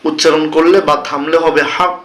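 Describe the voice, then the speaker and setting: A man teaching Quran reading, spelling out each Arabic letter and vowel mark slowly, then chanting the words in a melodic recitation. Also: a little high, flat delivery, fairly bright tone, echoey room. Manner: slow, deliberate spelling, breaking into melodic recitation.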